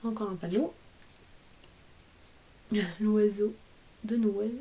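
A woman with a medium-pitched, dark voice and steady tone draws out her words while hosting a casual craft unboxing. She enthuses about cards and stamps that arrived in her mail, with some stumbles over English phrases.

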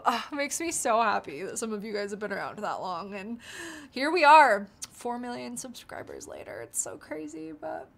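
Young american woman, livestream host, bubbly, a bit high voice, reads chat comments. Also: fairly bright tone. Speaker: YouTuber hosting a livestream.

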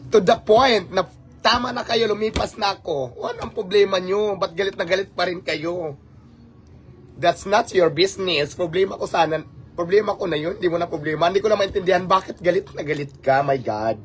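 A man's voice: high voice, fairly quick, a little hiss or hum. A man from the Philippines with a Filipino accent, talking casually to his live-stream viewers, exasperated and rhetorical, dropping English phrases into his speech. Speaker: livestream host.

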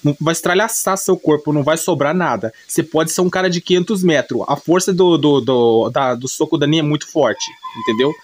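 This YouTube anime recapper, a Brazilian-accented man, speaks on the high side at a fairly quick clip with hardly any pauses and no echo. His retelling of an anime story is improvised, casual, rambling and full of slang, with frequent self-corrections.

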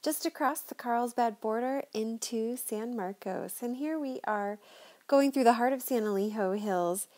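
A middle-aged woman narrates a neighborhood driving tour from inside a car. Her voice is mellow and warm, and her manner is chatty and enthusiastic. She talks like a friendly local guide. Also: medium pitch.

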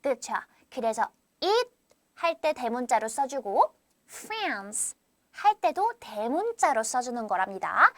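A woman teaching English reading to children in a live online class, reading sentences slowly in an exaggerated sing-song and repeating words as drills. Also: high-pitched, very animated, fairly bright tone, no echo.

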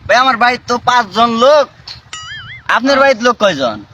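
High-voiced brash young man. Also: very animated, fairly quick, lo-fi sound, background noise. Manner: brash, challenging, then chatty. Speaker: comedy sketch actor. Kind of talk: comic sketch dialogue.

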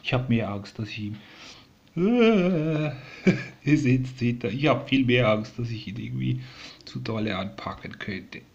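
A man talking softly and doting to a young sparrow he is raising, coaxing it and explaining to viewers in a casual home video. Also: mid-range voice, animated, measured pace, creaky, dull audio. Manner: coaxing, soft and doting, often dropping to a whisper. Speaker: vlogger raising a rescued sparrow. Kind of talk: casual talk to a bird and viewers. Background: sparrow chirping.

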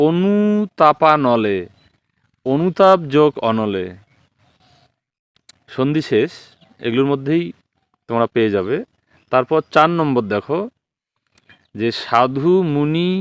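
A man with a Bengali accent teaches an exam-prep lesson over typed slides, patient and methodical as he recites each form in turn. His voice sits at an ordinary middle pitch. The sound is dry and close, with no room around it. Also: no room sound. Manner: patient, explains step by step and recites declensions slowly.

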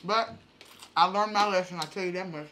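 A woman's voice: lowish voice, fairly quick, bright, forceful tone, slight background noise. A woman in her forties hosting a mukbang vlog at home, chatting with viewers and acting out her own reactions. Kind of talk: casual storytelling to viewers while eating. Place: home dining room, indoors. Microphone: camera on the table in front.

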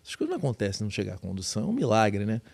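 Fast-talking Brazilian podcast host. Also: male voice, fairly low pitch, wildly swooping pitch, creaky, a little mellow, husky. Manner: fast, loose and chatty, with lots of slang. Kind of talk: casual chat.

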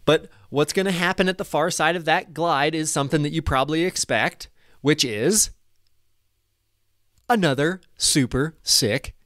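A man in his thirties giving a casual, excited commentary over a replay of his own flight, at a desk microphone in a small room. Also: a little high, unhurried, dry recording, studio quality. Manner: enthusiastic, casual, swears when excited. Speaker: paragliding vlogger. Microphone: desk microphone in front.

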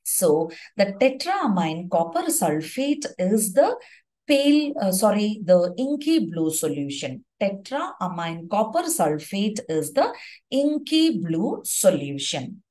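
A woman teaching an exam-focused chemistry lesson, dictating slowly and repeating phrases so students can write notes, with small fillers and self-corrections. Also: medium pitch, very animated, darkish tone, low-quality recording. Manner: slow, deliberate dictation with repeated phrases for note-taking.

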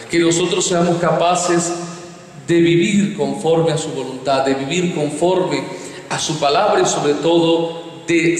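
A man presiding at Mass, leading prayers in a measured, solemn way, his voice ringing with cathedral echo. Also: on the high side. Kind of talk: liturgical prayer. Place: large church. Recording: echoey church, far from mic, faint hiss.

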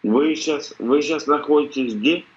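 A man's voice: a little high, unhurried. Insistent man on a dull call line. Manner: insistent, repeats his questions. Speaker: video call participant. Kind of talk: heated casual argument. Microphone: video call.

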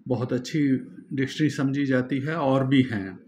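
A man's voice: mid-range voice, unhurried, a little mellow, slight background noise. A male teacher gives a classroom lecture, explaining patiently and spelling words out letter by letter.

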